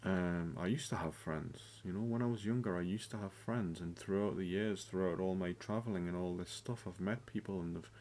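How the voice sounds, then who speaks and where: A man's voice: low-pitched, darkish tone. A man in his thirties talking hesitantly about his own life, with frequent ums and restarts. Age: 30s. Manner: halting, hesitant, full of ums. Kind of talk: casual personal confession.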